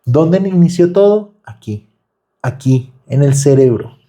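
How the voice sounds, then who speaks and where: Animated man teaching a class. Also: a little high, measured pace. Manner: animated, rhetorical questions to students. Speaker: trading instructor. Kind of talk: live online class.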